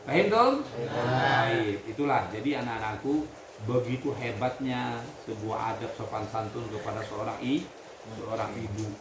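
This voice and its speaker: Man, religious teacher, lively questions to students, roomy echo, noisy background. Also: medium pitch, moderate pace. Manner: lively, quizzing students, reading Arabic text then explaining. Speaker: pesantren leader teaching students. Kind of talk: religious lesson. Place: hall at a pesantren. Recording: echoey room with background noise.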